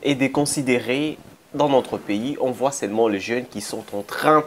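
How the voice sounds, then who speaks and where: A man with a Congolese accent giving spoken commentary as a presenter, halting and repeating phrases for emphasis. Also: mid-range voice. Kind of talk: spoken commentary introducing a clip. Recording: faint background noise.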